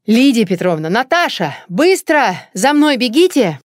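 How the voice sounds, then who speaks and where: A frightened young man in a panicky state, his voice shaken and hoarse, as an audiobook reader puts him on. The recording is dry and close. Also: medium pitch, moderate pace, darkish tone, dry recording, natural voice.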